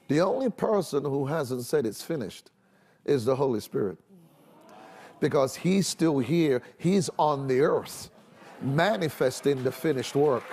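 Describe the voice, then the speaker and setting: A middle-aged minister teaches emphatically on a religious TV panel show, explaining points in a preaching style and repeating phrases for weight. His voice is on the high side with a darkish tone, recorded on a large studio set with an audience and a little hiss or hum.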